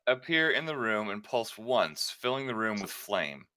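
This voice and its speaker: A man's voice: fairly low pitch, sing-song, normal speed, sharp tone. A man acting as game master, narrating and running a tabletop game.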